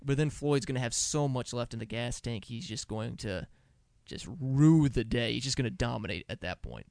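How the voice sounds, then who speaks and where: A man hosting a sports talk show, chatting in a lively, teasing way. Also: mid-range voice, moderate pace, creaky, no room sound, studio quality. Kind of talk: casual sports chat.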